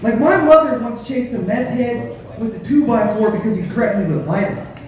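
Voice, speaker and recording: A man performing live stand-up comedy, telling crude, profane, dark-humored stories in a conversational way straight to the crowd. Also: extremely high pitch, expressive, moderate pace. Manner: conversational storytelling, addresses the crowd directly. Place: live comedy show with audience, echoey room. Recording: echoey room, distant mic, audience noise.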